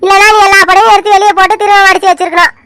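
A woman's voice: extremely high pitch, little pitch movement, very fast, background noise. A woman as a bossy cartoon relative. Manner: bossy, gives orders. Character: woman from the groom's family, bossy and teasing. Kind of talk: animated cartoon serial voice.

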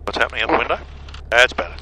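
A man's voice: medium pitch, rapid-fire. A man giving direct, hands-on flight instruction in short explanatory phrases over a cockpit headset. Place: small aircraft cockpit. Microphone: aviation headset. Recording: aircraft headset intercom, faint engine noise.

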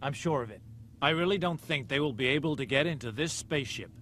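A man playing a steady, reassuring young spaceship crewman in an anime dub. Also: on the high side, fast, a little hiss or hum. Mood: serious, reassuring. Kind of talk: English anime dub acting.

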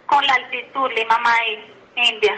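A woman's voice: on the high side, fairly even intonation, measured pace, sharp tone. A woman giving formal, procedural instructions as an air traffic controller over aviation radio. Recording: radio transmission with faint noise.

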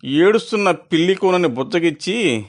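Guy telling a kids bedtime story, expressive, slows down for effect, voice a bit high. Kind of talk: children's moral story narration.

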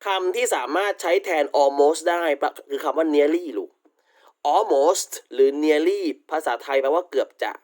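A man's voice: a little high, a little slow, darkish tone. A male university English teacher giving a recorded online vocabulary lecture, affectionately calling students "child" and repeating polite tag particles.

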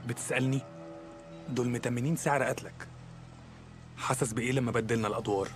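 A man's voice: mid-range voice, fairly even intonation, quick pace, soft background music, lightly acted. An actor with an Egyptian Arabic accent voicing a taunting male rival biker in a video game, mocking and provoking.

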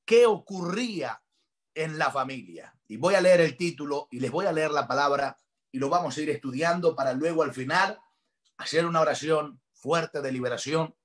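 A man preaching a fervent sermon, his voice sitting a little higher than most men's. He speaks directly to pastors and viewers and swells into loud, urgent exclamations at the key points. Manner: impassioned preaching, rising to shouts. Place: online congress broadcast.

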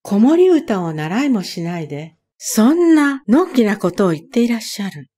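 A woman reading a storybook aloud and voicing an eager, fussy green frog with a raised, croaking voice. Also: mid-range voice, sing-song, moderate pace, warm tone.

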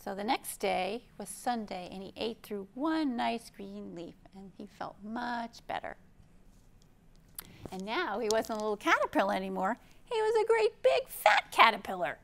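In an indoor library room, a middle-aged American librarian hosts storytime, reading aloud and doing show-and-tell with young children, explaining things simply and expressively. Her medium-pitched, gravelly, fairly bright voice has lively intonation at a moderate pace.

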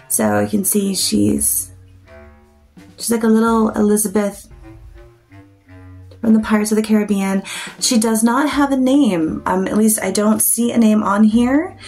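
Woman vlogger chatting in a halting, rambling way. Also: mid-range voice. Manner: rambling, halting, thinking aloud. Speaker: paranormal vlogger and channel host. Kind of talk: casual chat to camera. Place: small plain room indoors.

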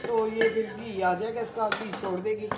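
A woman's voice: medium pitch, steady tone, moderate pace, noisy background. A middle-aged woman, the host's mother, cooking and chatting in a homely, affirming way in a home kitchen. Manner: homely, affirming, says "haan ji" often. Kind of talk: casual cooking chat. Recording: home kitchen with clear sizzling. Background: frying and stirring in a pot.

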